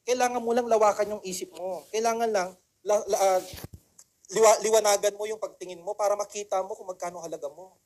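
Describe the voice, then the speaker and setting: A man's voice: sits high, steady tone, quick pace, a little mellow. A man giving a motivational seminar talk to an audience, rhetorical and coaxing, repeating key phrases and asking for agreement. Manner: mixes English phrases into the talk. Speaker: motivational speaker.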